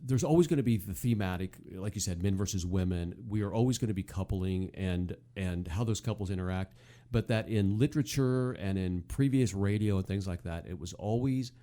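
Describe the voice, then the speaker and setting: A man co-hosts a podcast, offering casual, conversational commentary in a hesitant, explanatory storytelling manner. His voice is deep and dark in tone, and he talks a little fast.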